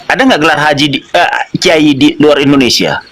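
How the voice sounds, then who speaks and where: Man debater, lively pitch, stubborn and repetitive, talked over. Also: fairly quick. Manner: insistent, keeps repeating his question. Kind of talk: interfaith debate.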